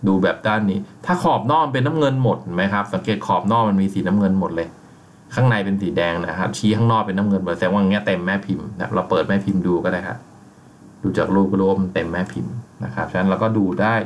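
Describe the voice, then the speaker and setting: Low-voiced man explaining software steps. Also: slight background noise. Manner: relaxed, explains step by step with frequent polite fillers. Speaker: software instructor. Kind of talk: screen-recorded software tutorial.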